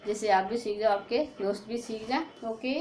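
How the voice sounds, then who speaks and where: A woman teacher explaining spelling rules to students, slowly sounding out letters and often checking in with her class. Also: fairly high pitch, fairly even intonation, a little mellow, slight background noise. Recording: echoey room.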